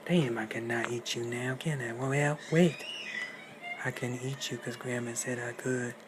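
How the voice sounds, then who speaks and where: A man's voice: mid-range voice, fairly even intonation, unhurried, over music, lightly acted. A man voicing a sly, scheming male big bad wolf who taunts and menaces in slangy talk, on a noisy recording. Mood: taunting.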